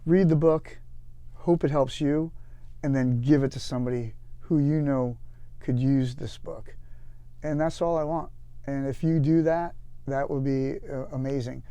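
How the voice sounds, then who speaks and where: A man being interviewed as a guest author and veteran, telling anecdotes in a lively, casual way with frequent restarts. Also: mid-range voice, unhurried, clean tone, no room sound. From United States.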